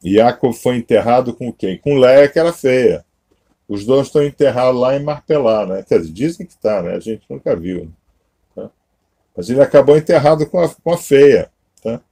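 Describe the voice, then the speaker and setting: A Brazilian man teaches a religious lesson in a casual, sermon-like way. His voice is mellow and dark, at an ordinary pitch for a man. He keeps checking in with his listeners through short tag questions. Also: animated, normal speed. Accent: Brazilian Portuguese. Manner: conversational, constant "né?" and "tá?" tags. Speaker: Masonic-Kabbalistic teacher.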